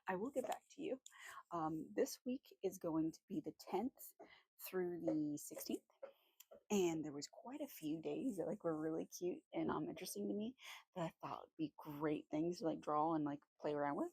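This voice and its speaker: A woman vlogging at home while drawing, chatting casually in a rambling, friendly way with lots of fillers, her voice slightly hoarse. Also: low-pitched, lively intonation, moderate pace, darkish tone, no room sound, rough recording. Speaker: art vlogger.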